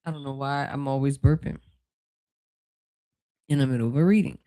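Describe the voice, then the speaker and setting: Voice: medium pitch, fairly even intonation, normal speed, mellow, dry recording. An intuitive card reader giving a casual spiritual reading, rambling and chatty with many fillers, talking straight to the viewers. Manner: talks straight to viewers as "y'all"; breaks off into side remarks and laughter.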